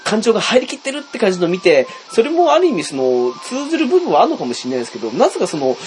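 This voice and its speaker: A man co-hosting a podcast in casual chat, full of fillers and playful acted-out shouts. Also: sits high, huge pitch swings, rapid-fire, soft background music. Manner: chatty, many fillers, acts out shouts. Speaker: podcast co-host.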